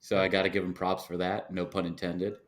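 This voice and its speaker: A man's voice: deep voice, flat delivery, brisk. A man hosting a casual podcast interview in an easygoing, joking manner. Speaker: podcast host.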